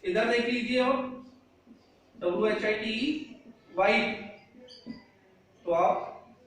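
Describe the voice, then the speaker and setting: A man's voice: high-pitched, takes it slowly, recorded from a distance. A man teaching English pronunciation, explaining rules step by step and asking the class questions he then answers himself. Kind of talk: pronunciation lesson. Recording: echoey room, mic set back.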